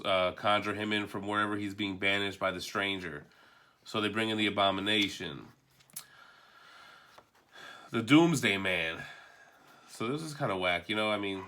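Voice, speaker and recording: A comic book collector reviews a book in a casual, unscripted video, speaking in a fairly low yet bright voice. He's offhand and rambling, with some mild profanity.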